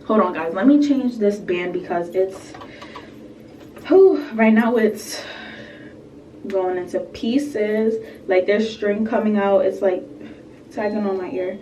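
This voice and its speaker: Taking it slowly and pausing often, a young beauty vlogger talks warmly through a makeup tutorial at home, sounding slightly sick and full of fillers and asides. Her voice is mid-range. She's far from the mic, with roomy echo and a little background noise.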